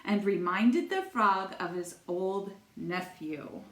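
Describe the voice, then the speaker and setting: A woman, a first-grade teacher, reads a rhyming storybook to young children in expressive, carefully spaced phrases. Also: mid-range voice, takes it slowly. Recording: echoey room.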